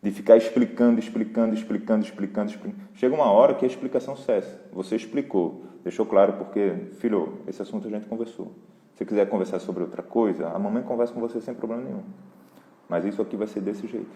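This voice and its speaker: A man with a Brazilian accent, hosting a live parenting Q&A in a relaxed, conversational way and talking straight to his viewers. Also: on the low side, fast talker. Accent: Brazilian Portuguese. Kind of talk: casual live Q&A talk. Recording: roomy hall echo.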